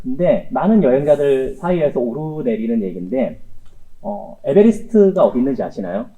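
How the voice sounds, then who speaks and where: A man's voice: medium pitch, expressive, normal speed, dark tone. A man, a guest travel writer, telling an anecdote from the road in an interview and building up suspense. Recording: tinny phone-like line.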